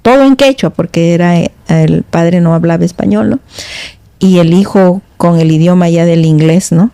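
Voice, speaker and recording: A middle-aged woman, a podcast guest, telling stories in a halting, meandering way with many restarts. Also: lowish voice, creaky, dark tone, clean tone, no room sound. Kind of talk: casual storytelling in conversation. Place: podcast studio.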